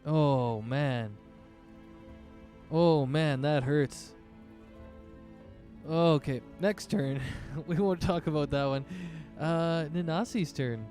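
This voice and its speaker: A man with a slightly high voice acts as game master, narrating casually and thinking aloud. Faint music plays behind him. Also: slow pace, long pauses, dark tone.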